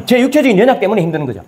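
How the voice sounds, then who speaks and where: Lively high-voiced preaching man. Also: racing. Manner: asks the congregation questions and answers them himself; acts out God's words in casual speech. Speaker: pastor. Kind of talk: sermon.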